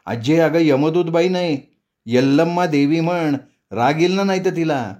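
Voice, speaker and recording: A man's voice: mid-range voice, steady tone, normal speed, a little mellow, close to an everyday voice. A man voicing an impatient young village girl. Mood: coaxing. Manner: exasperated, urging.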